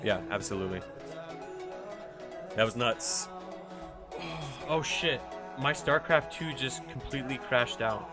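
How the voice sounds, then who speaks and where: A man's voice: mid-range voice, lively intonation, measured pace, long pauses, music in the background. A man casting a live strategy game match in a loose, chatty way, swearing freely. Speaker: esports caster. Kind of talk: casual live game commentary.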